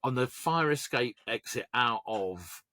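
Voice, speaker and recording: A man's voice: medium pitch, animated, unhurried, bright, forceful tone. A middle-aged man co-hosting a podcast, chatting casually and rambling through music trivia. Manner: rambling, digressive, trivia-heavy. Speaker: podcast co-host. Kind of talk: casual chat.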